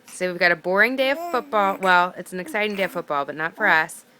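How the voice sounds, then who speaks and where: A young woman talking to her baby at home in a gentle, teasing, sing-song way. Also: lowish voice, expressive, quick pace, a little hiss or hum. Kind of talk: home video chat with a baby.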